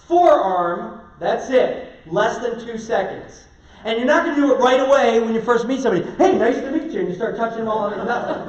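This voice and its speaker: A man giving a lively seminar talk, chatty and energetic, asking his audience questions. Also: very high voice. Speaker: seminar speaker. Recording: distant mic, echoey hall, dull lo-fi sound.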